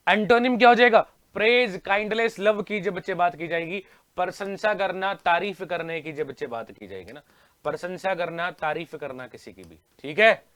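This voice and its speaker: A man with an Indian accent teaching English vocabulary in an online exam-prep class, energetic and repeating his questions to the students. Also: high voice, no room sound.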